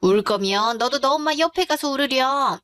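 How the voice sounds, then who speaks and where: A woman's voice: sits high, expressive, normal speed, a bit bright, smooth, no echo, faint music behind. A woman voicing a rude, scornful middle-aged mother-in-law who talks in a blunt, dismissive way in a dramatized story.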